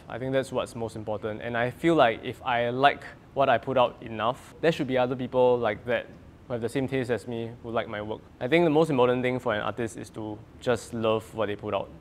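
A man's voice: mid-range voice, slight background noise. A young adult man with a Singaporean accent and light Singlish touches, talking casually as a singer-songwriter in an interview.

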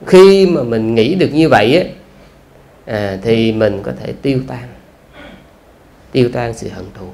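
Southern Vietnamese monk giving a dharma talk. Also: male voice, medium pitch, unhurried, creaky, a little mellow, a little hiss or hum. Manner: conversational, rhetorical questions, frequent "à" fillers. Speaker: Buddhist monk teacher.

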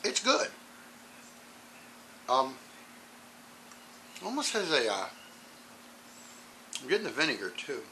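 A man with clogged sinuses casually reviewing a hot sauce on his channel, rambling with ums and clearing his throat often. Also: medium pitch, huge pitch swings, slow pace, long pauses, pushed and bright, slight background noise, low-quality recording.

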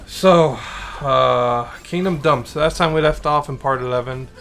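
A man's voice: medium pitch, measured pace, a bit bright, soft background music. Tired, profane male gameplay commentator. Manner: rambling, profane, joking. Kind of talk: casual let's-play recap.

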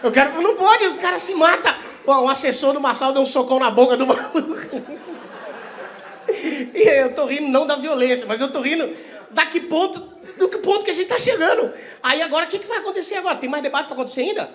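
Stand-up comedian, crowd work, profane and teasing, lively swings from hushed asides to loud bursts. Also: male voice, very high-pitched, a little fast, slight background noise. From Vitória, Brazil. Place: comedy stage before a live audience.

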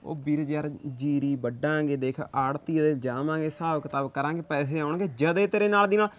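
A man's voice: on the high side, moderate pace, lightly acted. A man with a Punjabi accent playing a young farmer in debt, pleading and making excuses to put off paying. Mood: evasive. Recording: dull dry lo-fi recording.

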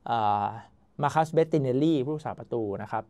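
A young man excitedly telling his friends' vlog story about a trip to a football club, casual and swearing lightly. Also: medium pitch, a little fast. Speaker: football vlogger.

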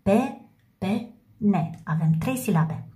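A woman teaching a handwriting lesson to first graders, speaking slowly and spelling words out letter by letter. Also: mid-range voice, animated, warm tone. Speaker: primary school teacher. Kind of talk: slow handwriting lesson for young children.

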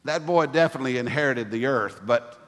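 A middle-aged pastor delivers an earnest sermon at a pulpit microphone. His voice sits at an ordinary male pitch and rings out with the long reverb of a church sanctuary. He moves easily into storytelling asides. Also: fairly quick, a little hiss or hum.

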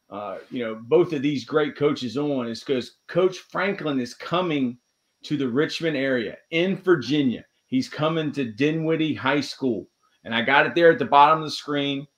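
A man hosting a podcast over a video call, friendly, with hesitant restarts. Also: on the high side. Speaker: podcast host. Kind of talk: casual interview chat.

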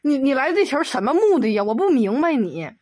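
A woman's voice: sits high, big pitch swings, brisk, darkish tone, no room sound, clean studio sound. A woman, ranting comedically as a video commentator and firing off exasperated rhetorical questions. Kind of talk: comedic rant.

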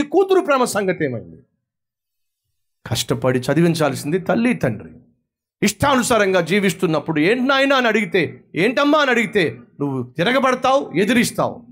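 A man's voice: sits high, fairly bright tone. A man from India preaching a sermon, acting out quarrels between young people and their parents in different voices. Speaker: pastor.

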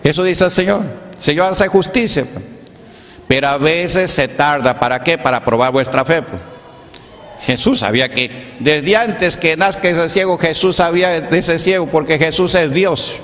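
A Pentecostal pastor, preaching a sermon and peppering it with rhetorical questions to the congregation. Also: male voice, on the high side, moderate pace, a bit bright. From Peru. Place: church hall. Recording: echoey church hall.

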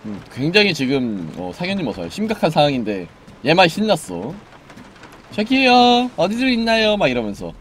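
A man streaming a horror game live, chatting and joking with viewers, dropping to mumbles and then yelling in excitement. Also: medium pitch, fast talker, a little hiss or hum.

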